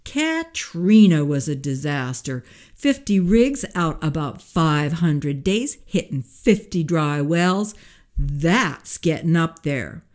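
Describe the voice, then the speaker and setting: A man's voice: on the high side, a little slow, natural voice. A woman doing a drawling, blustering oil boss. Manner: drawling, yelling.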